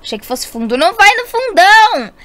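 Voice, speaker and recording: Brief: a Brazilian woman as an anxious teen big sister with a very high voice, all dramatic sighs and cries, for a game roleplay story. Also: big pitch swings, a little fast, bright, forceful tone, exaggerated voice. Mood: panicked. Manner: dramatic, fretful exclamations. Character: worried teenage girl, anxious big sister.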